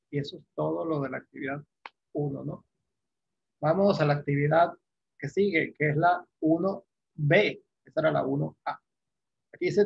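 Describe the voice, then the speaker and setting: A man's voice: a little high, gravelly, slightly rough, dull audio. A man teaching an English class, explaining patiently step by step and checking in with short tag questions.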